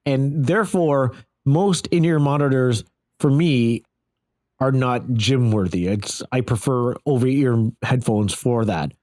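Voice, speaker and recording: A product reviewer with a medium-pitched, darkish voice speaks slowly in a casual, first-person gear review, repeating phrases for emphasis.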